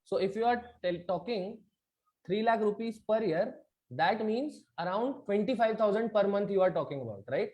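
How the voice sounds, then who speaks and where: In an online video session, a man with an Indian accent teaches interactively, moving between two languages. His high voice is expressive and darkish in tone, at a moderate pace. He regularly checks comprehension with tag questions.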